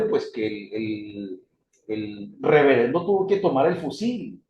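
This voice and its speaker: A man's voice: fairly high pitch, a little hiss or hum. A man teaching a theology history class, calling his students brothers, his voice rising and falling as he explains. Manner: addresses students as brothers, lively rises and drops. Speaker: theology instructor. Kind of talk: classroom lecture. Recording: echoey room, dull lo-fi sound.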